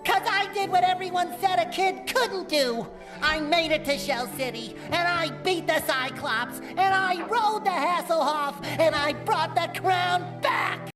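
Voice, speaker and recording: A squeaky, eager cartoon sponge. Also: male voice, measured pace. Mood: proud. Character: eager, childlike young male sea sponge. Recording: cartoon clip with music behind.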